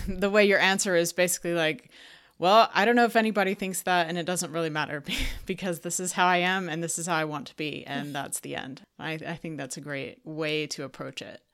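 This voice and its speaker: Co-host, woman, low pitch, earnest, long winding questions. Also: fairly even intonation, fairly quick, fairly bright tone. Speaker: podcast co-host. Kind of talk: podcast interview conversation.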